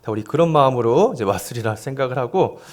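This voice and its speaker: Fast-talking and expressive, a medium-pitched male pastor in his forties speaks into a handheld microphone from the pulpit of a church sanctuary. Leading a volunteer seminar as a playful sermon with audience games, he jokes, gently coaxes the congregation, and tosses in self-deprecating asides.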